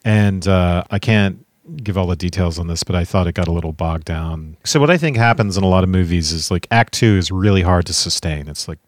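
A man's voice: low-pitched, brisk, few pauses, no echo, studio quality. A man co-hosting a podcast, chatting casually about films and thinking aloud as he goes. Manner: musing, thinks aloud with restarts. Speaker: podcast co-host.

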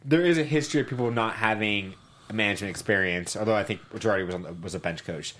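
Casting: American male podcast co-host, slightly low pitch, casual sports talk. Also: fast talker, a bit bright, slight background noise.

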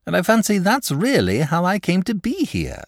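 A man putting on a high, fussy, lazy dragon. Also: huge pitch swings, normal speed, no echo, clean studio sound, full character voice. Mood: chatty. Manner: fussy, hasty, old-fashioned chatter. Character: lazy, chatty, genial old male dragon.

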